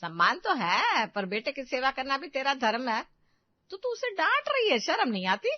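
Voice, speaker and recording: A woman's voice: sits high, big pitch swings, moderate pace, dry recording. A woman voicing a domineering old grandmother in a cartoon who spoils her grandson and scolds her daughter-in-law. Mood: scolding. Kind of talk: cartoon voice acting. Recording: dull dry recording.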